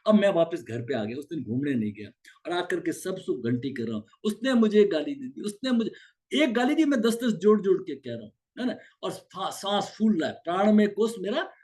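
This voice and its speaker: High-voiced man teaching yoga therapy. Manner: asks and answers his own rhetorical questions; repeats and lists key words for emphasis. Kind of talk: explanatory lecture on yoga therapy.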